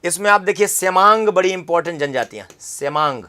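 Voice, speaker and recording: A man's voice: high-pitched, moderate pace, sharp tone. A man teaching an exam-prep geography lesson, repeating key terms and quizzing the viewer with questions.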